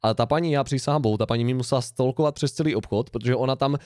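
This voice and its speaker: A man's voice: medium pitch, a little mellow, clean tone, no room sound. Young man telling a rambling story, dry sound. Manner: rambling anecdote with laughs and restarts. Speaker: podcast co-host. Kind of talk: casual storytelling chat.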